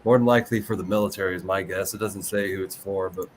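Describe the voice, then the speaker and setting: Low-voiced man sharing news casually. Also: fairly even intonation, fast talker, slight background noise. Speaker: podcast co-host. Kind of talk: casual chat.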